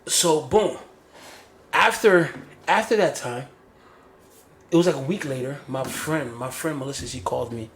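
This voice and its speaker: A man telling a personal story on a casual podcast, animated and repeating phrases like "you feel me". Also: mid-range voice, moderate pace, long pauses, roomy sound. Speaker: podcast host.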